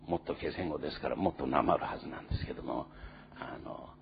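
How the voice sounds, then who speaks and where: A man preaching a sermon in an earnest, storytelling manner, with many pauses and fillers. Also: rumbling low, gravelly, muffled recording, a little hiss or hum. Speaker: pastor.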